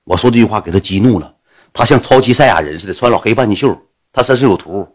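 Fast-talking storyteller man. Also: lowish voice. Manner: animated, acts out the quoted dialogue. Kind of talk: casual anecdote telling.

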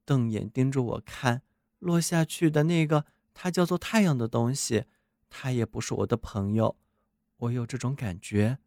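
A man's voice: medium pitch, normal speed, darkish tone, no echo, studio quality, natural voice. A man voicing a naive newly built snowman who wonders about the sun and moon. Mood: puzzled. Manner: wondering, boastful then wistful.

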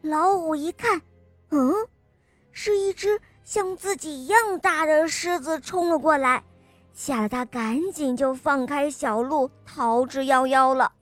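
A woman reading a bedtime-style children's story, gentle and expressive. Her voice is high and her pace is slow and deliberate. The sound is close and dry, with soft music faintly underneath. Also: dry recording. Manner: gentle, expressive, addresses kids directly.

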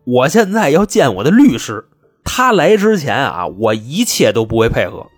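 A man voicing a cocky, blunt male bank-robber boss, gruff and swaggering. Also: mid-range voice, sing-song, normal speed.

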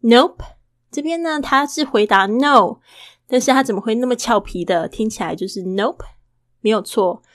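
A woman hosting a casual podcast lesson, chatty and full of rhetorical questions, who slowly models English words and repeats them. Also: on the high side, no room sound, clean studio sound. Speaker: English teacher and podcast host.

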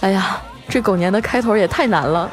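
A woman host, telling funny everyday stories in a chatty way, drawing out the particles at the ends of phrases. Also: medium pitch. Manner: chatty, drawn-out sentence-final particles. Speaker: streaming host. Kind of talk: comic storytelling monologue. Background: background music.

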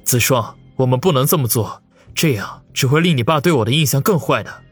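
A man voicing a calm young man who speaks earnestly and persuasively, with a husky voice. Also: medium pitch, fairly quick, soft background music. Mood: gentle.

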